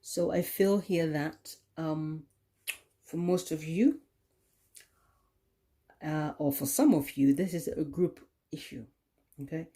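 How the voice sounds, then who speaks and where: A woman giving a tarot card reading, talking in a slow, soothing way with many "okay?" tag questions. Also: low-pitched, warm tone. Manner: drops into a whisper at times. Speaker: tarot reader.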